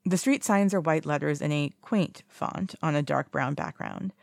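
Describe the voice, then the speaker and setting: Gravelly-voiced fiction reader. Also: medium pitch, moderate pace, no echo, studio quality. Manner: casual reading with small slips and self-corrections. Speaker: narrator. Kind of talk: fan fiction audiobook reading.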